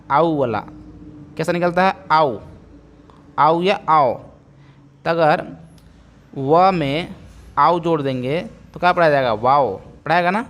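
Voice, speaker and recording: Slow, clear-voiced man teaching. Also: on the high side. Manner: slow, repeats each word and quizzes viewers. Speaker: English teacher. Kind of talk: spelling-out phonics lesson.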